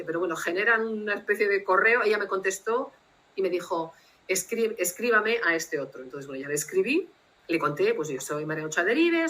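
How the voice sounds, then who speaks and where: A woman translator, telling anecdotes in a lively way and acting out dialogue over a video call. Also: mid-range voice, low-quality recording. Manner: lively anecdotal storyteller who acts out dialogue. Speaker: literary translator, guest. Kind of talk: casual storytelling interview.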